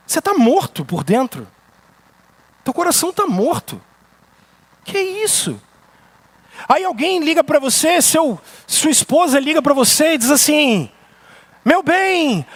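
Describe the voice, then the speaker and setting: A man with a Brazilian Portuguese accent preaching a sermon in church, emphatic and full of rhetorical questions. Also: very high voice. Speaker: pastor. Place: church sanctuary.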